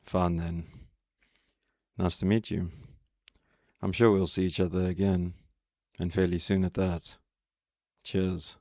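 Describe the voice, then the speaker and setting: A man voicing a terse, mysterious male hunter who talks in a low, muttering way. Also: little pitch movement, slow pace, pauses often, a little mellow, dry recording, clean studio sound. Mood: gruff, curt.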